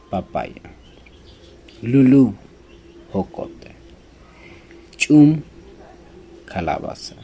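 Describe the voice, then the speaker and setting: A man whose first language is Tseltal, teaching vocabulary slowly and carefully, saying each word, repeating it, then giving its translation. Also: on the low side, mellow, a little hiss or hum.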